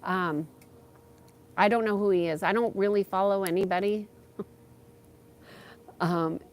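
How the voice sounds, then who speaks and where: Her tone is steady and her pitch medium as she hosts a relaxed livestream in the persona of a spiritual guide. She responds to viewer questions, hesitating and thinking aloud along the way.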